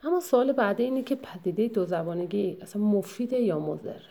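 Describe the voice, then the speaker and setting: A woman giving a lecture that summarizes a textbook chapter, explaining at a measured pace and often pausing to hesitate or correct herself. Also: medium pitch, animated, vocal fry, mellow.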